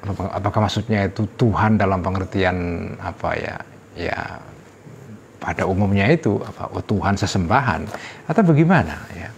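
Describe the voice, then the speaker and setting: A man's voice: fairly low pitch, creaky, slight background noise. Man teaching a text in conversational style. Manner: conversational, full of rhetorical questions and tag words; voice lifts sharply when quoting an exclamation. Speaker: teacher of a classical religious text. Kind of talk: relaxed study-circle lecture.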